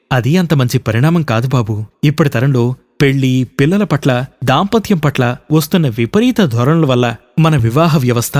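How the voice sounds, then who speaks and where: Male radio storyteller, measured. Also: mid-range voice, a little mellow. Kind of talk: scripted narration.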